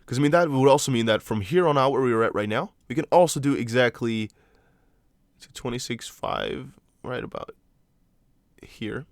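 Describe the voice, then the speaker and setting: Loosely chatting through chart analysis on a crypto livestream, a young adult from the Netherlands speaks Dutch-accented English, reads out chat messages and muses aloud, filling gaps with lots of fillers. He has a medium pitch and moderate pace, recorded dry.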